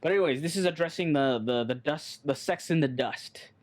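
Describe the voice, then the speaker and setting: A man's voice: fairly high pitch, brisk. Man, podcast co-host, casual chat, joking, swearing, repeats phrases.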